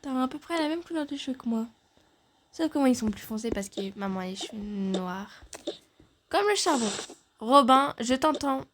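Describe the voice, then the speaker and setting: A woman's voice: fairly high pitch, fairly even intonation, a little fast, a little mellow, a little hiss or hum. A woman voicing several family characters in a home-made fan drama, shifting her voice between the parts as they banter.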